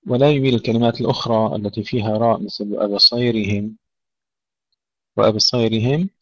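A man teaching a tajweed lesson, reciting words slowly to demonstrate and correcting common mistakes. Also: fairly low pitch, steady tone, fairly bright tone, no echo. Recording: dry, dull lo-fi audio.

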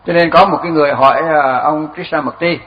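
Older male monk, slightly high voice, easygoing dharma talk with chuckles, dull lo-fi recording. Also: fast. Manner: relaxed storytelling with chuckles and repeated words. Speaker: Buddhist monk teacher.

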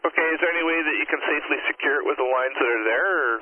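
Brisk male marine radio operator, tinny signal. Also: fairly high pitch, breathy edge, no echo. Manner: brisk procedural radio talk. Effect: marine VHF radio. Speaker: coast guard radio operator. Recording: narrow tinny radio with static.

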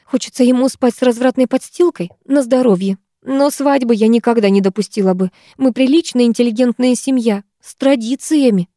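A woman's voice: fairly high pitch, fairly quick, hardly any pauses, dark tone, dry recording, studio quality, voice pushed up, natural voice. A woman voicing a haughty, wealthy middle-aged violinist mother who speaks with cold contempt. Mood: scornful.

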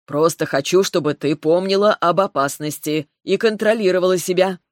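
A woman voicing a stern, commanding male dragon who scolds gruffly in an audiobook. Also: on the low side, moderate pace, no room sound, studio quality, lightly acted.

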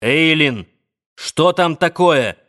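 Man doing a hoarse, commanding tycoon. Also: mid-range voice, animated, slow, fairly bright tone. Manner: hoarse, barking orders. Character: commanding middle-aged tycoon, forceful and decisive.

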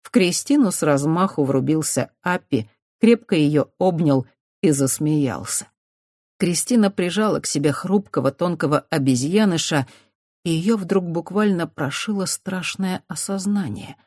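A steady audiobook narrator with a mid-range voice, telling a fantasy story at an even pace. The recording is dry and close, with no room echo. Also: medium pitch, a little slow. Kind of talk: scripted narration.

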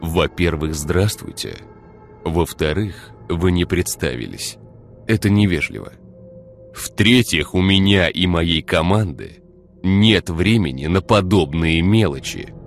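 A man voicing a stern, composed head of a research base who speaks strictly but calmly. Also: rumbling low, measured pace, gravelly, few pauses, faint music behind, full character voice. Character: stern, composed male scientist boss.

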